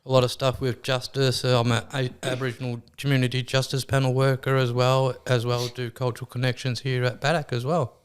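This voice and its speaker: An Australian man in his forties talks casually as an interview guest. His voice is clean and smooth in tone, though his words come out slightly gummy and slurred, as with no teeth in. He has a joking, self-deprecating way about him. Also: medium pitch, flat delivery, a little fast, hardly any pauses. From western Victoria, Australia. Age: 40s. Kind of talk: casual chat.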